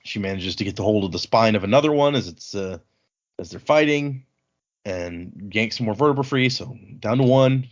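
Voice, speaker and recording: This book podcast co-host, who leads the read-along, speaks on the low side with a somewhat bright tone over lo-fi sound. His retelling is loose and colloquial, with bits of dialogue acted out as paraphrased character lines.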